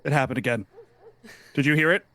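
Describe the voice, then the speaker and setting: A man playing a tabletop game, asking jumpy, excitable questions. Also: mid-range voice, brisk. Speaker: player. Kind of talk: casual tabletop play.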